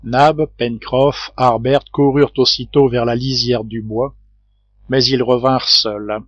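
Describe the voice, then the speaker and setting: A man narrating an audiobook of a classic novel in a steady, unhurried reading voice. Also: medium pitch, dry recording. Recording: dry, slightly dull home recording.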